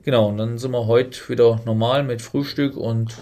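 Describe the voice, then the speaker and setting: A man's voice: medium pitch, steady tone, normal speed, warm tone. A man co-hosting a casual podcast chat, rambling and correcting himself as he explains technical details. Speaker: podcast co-host.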